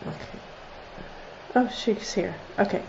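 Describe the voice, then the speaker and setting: This woman speaks slowly in a medium-pitched, gravelly voice that's also nasal and congested. She's casually reading oracle cards for a livestream, chatty, reflecting aloud and often laughing. The audio is slightly dull and lo-fi, with faint noise.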